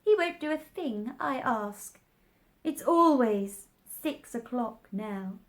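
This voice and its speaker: A woman's voice: fairly high pitch, lively intonation, pitched above the performer's own voice. Lady doing a snooty nutty man from a kids book, drags words out, goes up and down loads. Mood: mournful. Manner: drawn-out, contemptuous, theatrical. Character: haughty, mad male Hatter, aggrieved and eccentric. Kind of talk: children's storybook character voice.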